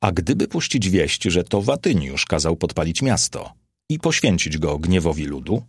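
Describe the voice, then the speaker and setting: A man's voice: low voice, very animated, normal speed, husky, no room sound, studio quality, full character voice. A man voicing a capricious, vain Roman emperor who declaims theatrically.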